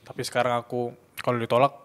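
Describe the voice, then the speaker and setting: A man's voice: medium pitch, completely flat delivery, fast talker, clean tone. A young man in his twenties co-hosting a podcast, reflecting casually on his own experience. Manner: reflective, speaks from personal experience. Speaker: podcast co-host.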